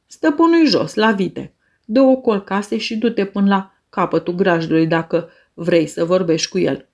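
Old male servant, surly and loud, put on by a woman reading an audiobook. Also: mid-range voice, dull audio, natural voice. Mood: gruff shouting. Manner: shouted, grumbling. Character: sour old male farm servant, gruff.

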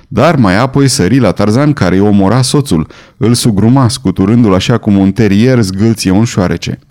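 A man reading a novel aloud in measured, dramatic audiobook narration. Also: fairly low pitch, darkish tone. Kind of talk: scripted narration.

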